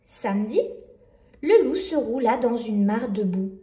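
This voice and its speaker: Slow, high-voiced woman storyteller. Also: lively intonation, dark tone, reverberant. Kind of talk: children's story reading.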